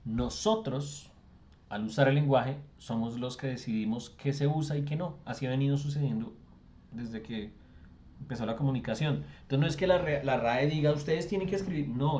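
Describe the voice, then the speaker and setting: A man's voice: mid-range voice, normal speed, a little mellow, a little hiss or hum. A man, teaching an online class and explaining with lots of rhetorical questions. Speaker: English tutor. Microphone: video call.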